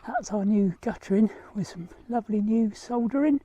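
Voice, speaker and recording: A man's voice: sits high, normal speed, dull audio. Out-of-breath man on scaffolding. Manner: dry, self-deprecating humour. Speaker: vlogger working on a house renovation. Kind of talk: casual chat and on-the-spot commentary. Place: outdoors up on scaffolding.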